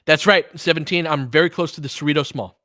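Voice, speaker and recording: Fast-talking and forceful, this American host runs a casual sports livestream off the cuff, trading blunt, emphatic opinions with listeners and cursing without hesitation. His voice is on the high side and bright, captured in studio quality with no room sound.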